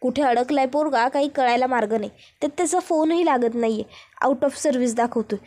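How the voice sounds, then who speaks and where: A woman's voice: sits high, a little fast, dark tone, lightly acted. A woman doing an anxious middle-aged mother. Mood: worried. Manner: anxious, pleading.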